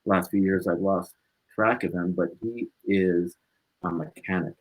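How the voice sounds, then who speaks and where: Appearing as an interview guest, this man has a fairly low, husky voice and a steady tone. He speaks a little slowly in a casual, reflective way, emphatically circling back to his key points, on a rough recording.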